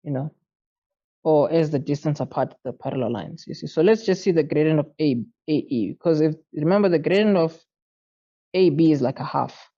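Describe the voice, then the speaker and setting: A tired man talks through a maths exam paper late at night, thinking aloud and muttering to himself. His voice is very dark and mellow with a gravelly fry. The recording sounds dull and lo-fi. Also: a little high, normal speed. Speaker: maths tutor.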